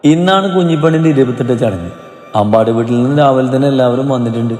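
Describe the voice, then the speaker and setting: Mellow-voiced man narrating a story. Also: mid-range voice, quick pace. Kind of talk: scripted narration. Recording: roomy reverb, soft music behind.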